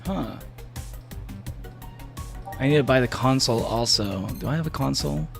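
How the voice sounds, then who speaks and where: A mid-range, gravelly, slightly bright male voice moves at a moderate pace over soft background music. Streaming a game live, he rambles casually to viewers with lots of laughter, fillers, and restarted thoughts.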